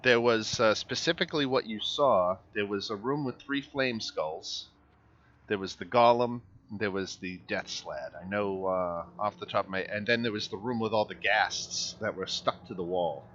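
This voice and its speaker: A man narrating a tabletop game as game master, halting and pausing often. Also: fairly low pitch, fairly bright tone. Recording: slightly muffled, faint room noise.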